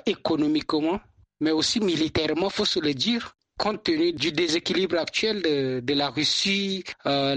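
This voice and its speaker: Man, measured formal commentator, hesitant, dry close mic. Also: on the high side, a bit bright, dry recording. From Chad. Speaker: guest contributor. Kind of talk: prepared commentary.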